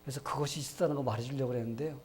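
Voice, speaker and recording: A man's voice: medium pitch, steady tone, rapid-fire, darkish tone, a little hiss or hum, lightly acted. A man voicing a timid little boy prince who stutters, within a sermon story. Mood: explaining.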